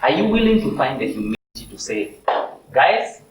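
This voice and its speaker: A man's voice: mid-range voice, sing-song, fast, darkish tone. A man on a church family panel, speaking earnestly and exhorting the listeners. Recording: roomy, distant mic, faint noise.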